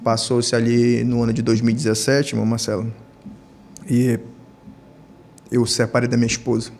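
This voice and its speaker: A man in his thirties with a Brazilian Portuguese accent, a deacon telling his personal testimony on a church podcast, climbing high in pitch when he acts out his own past words. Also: normal speed, a little hiss or hum. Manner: storytelling, rising to high, animated pitch when quoting himself.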